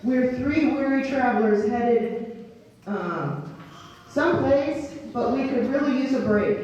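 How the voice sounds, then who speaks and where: A woman's voice: sits high, slow pace, darkish tone, highs cut off, voice pushed up. A woman voicing a cheerful, forgetful male sponge in a storybook tale, chirpy and eager. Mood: friendly, eager. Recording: roomy, distant, faint noise.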